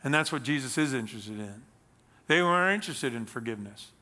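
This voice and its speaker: A middle-aged man preaching on a church stage, reading scripture and explaining it with animated emphasis. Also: medium pitch, fast. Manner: animated, gesturing, reads scripture aloud then explains. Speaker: pastor. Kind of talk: sermon.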